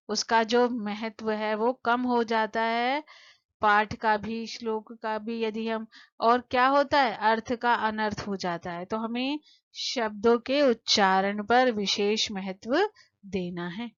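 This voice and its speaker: A woman teaching a lesson to children, patiently asking questions and answering them, slowing down to spell out word forms. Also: on the high side, dry recording, lo-fi sound. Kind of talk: explaining a textbook lesson to children.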